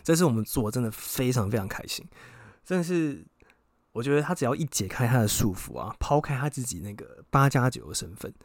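A young man, hosting a podcast and telling a personal story casually, frank and excitable, swearing freely. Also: medium pitch, dry recording, clean studio sound. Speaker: podcast host.

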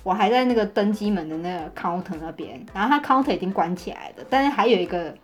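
A woman co-hosting a podcast, telling a story in an animated, casual way and often laughing. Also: medium pitch, fast, soft background music. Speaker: podcast co-host.

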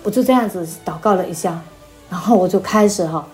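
A woman giving a personal faith testimony as an interview guest. She speaks haltingly, repeating words and restarting often. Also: lowish voice, darkish tone, faint music behind.

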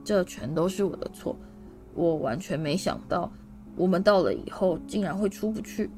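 A woman's voice: fairly low pitch, normal speed, music in the background, lightly acted. A woman voicing a kindly, flustered middle-aged wizard father who rambles through apologetic explanations.

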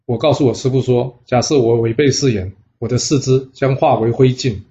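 A man's voice: medium pitch, fairly even intonation, brisk, mellow, natural voice. A man voicing a naive, earnest young prince who has become a Taoist disciple, in a storybook tale, on a dull lo-fi recording. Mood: troubled.

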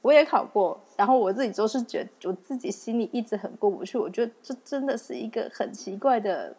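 A woman's voice: on the high side, expressive, a little fast, mellow, breathy edge. A young woman with a Taiwanese Mandarin accent, hosting a casual solo podcast in a chatty, self-mocking way and laughing often. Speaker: podcast host.

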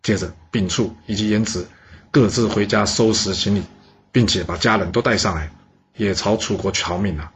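A man telling a historical tale in a lively, colloquial way. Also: fairly low pitch, highs cut off, slight background noise. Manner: lively, colloquial, with many drawn-out particles. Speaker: storyteller. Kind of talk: historical storytelling.

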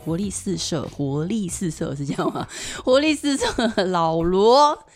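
A woman's voice: on the low side, expressive, measured pace, faint music behind. A woman with a Taiwanese Mandarin accent chatting casually as a podcast host, self-deprecating and dropping English words into her Mandarin. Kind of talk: casual chat.

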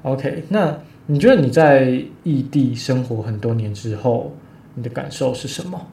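A man's voice: moderate pace, gravelly, warm tone. Hesitant male host, roomy sound. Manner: hesitant, many fillers and restarts. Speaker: podcast host. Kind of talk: casual interview chat. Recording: roomy echo, faint rumble.

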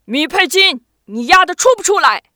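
Woman doing a rowdy street guy hollering, super high and bright, dry close mic. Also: expressive, moderate pace, no echo, exaggerated voice. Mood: taunting yell. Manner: shouting, taunting. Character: rowdy young men yelling from the street.

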